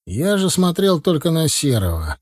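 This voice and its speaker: A man narrating a novel in an even, measured storytelling manner. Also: a little high, breathy edge, no room sound, studio quality. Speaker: audiobook narrator.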